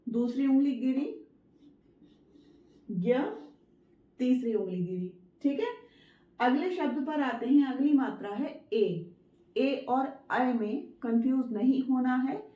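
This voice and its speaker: A woman with a high, bright voice gives a Hindi dictation lesson, patiently repeating herself and drawing words out slowly syllable by syllable. The audio sounds roomy and somewhat dull.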